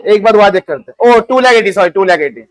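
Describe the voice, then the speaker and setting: A young man teaches an accounting class in a voice pitched very high for a man. He keeps questioning his students and answering them himself, mixing English accounting terms and figures into his speech. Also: animated, fast. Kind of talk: classroom lesson.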